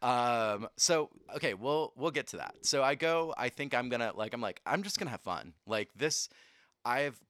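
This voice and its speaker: A man's voice: mid-range voice, normal speed, clear, resonant tone, no room sound. A young American man, a leather titleholder, chatting frankly and jokingly in an interview. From United States. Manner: animated, laughing, frank and joking. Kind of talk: casual chat.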